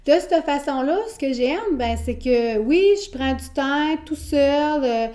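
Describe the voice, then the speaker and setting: A woman's voice: high voice, slow, warm tone. A woman teacher with a Québécois accent, explaining her teaching method in an interview, patient and explanatory with frequent hesitations. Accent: Québécois French. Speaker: elementary school teacher.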